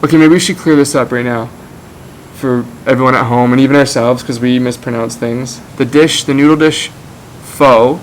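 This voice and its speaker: A man's voice: medium pitch, steady tone, brisk, soft background music, low-quality recording. Chatty young man vlogging. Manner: chatty, explains to camera. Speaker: travel vlogger. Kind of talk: casual vlog chat.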